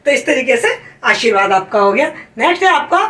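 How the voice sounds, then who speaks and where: A woman teaching Hindi grammar for an exam, stressing the rules, repeating them and asking the class if it is clear. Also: on the high side, big pitch swings, a little fast, bright, forceful tone. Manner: calls students "beta". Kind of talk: exam-prep lesson. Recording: roomy sound from a distance.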